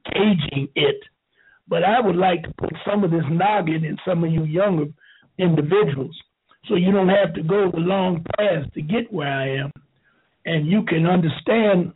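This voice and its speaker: A man in his seventies telling a rambling story slowly, with halting restarts. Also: on the high side, a little hiss or hum. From United States. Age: 70s. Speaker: show host. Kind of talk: rambling talk. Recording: tinny phone-like line.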